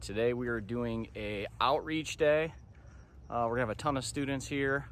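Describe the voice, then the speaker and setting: A man's voice: mid-range voice, normal speed, fairly bright tone. An American man in his thirties talking informally to camera as a vlog host, recapping things conversationally. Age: 30s. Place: outdoors, park path and parking lot. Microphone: phone at arm's length. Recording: faint outdoor background noise.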